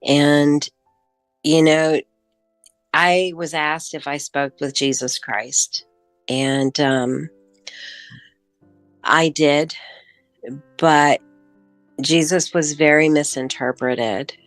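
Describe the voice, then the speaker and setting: Middle-aged woman, deep-set voice, unhurried, heartfelt personal testimony, dry close sound with soft music behind. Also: fairly even intonation, dry recording. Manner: emotional, halting with pauses and fillers. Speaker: near-death experience witness.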